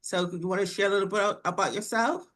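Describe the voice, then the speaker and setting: A woman from Trinidad and Tobago hosting a roundtable on a video call, encouraging and unhurried. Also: mid-range voice, fairly bright tone. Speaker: roundtable host.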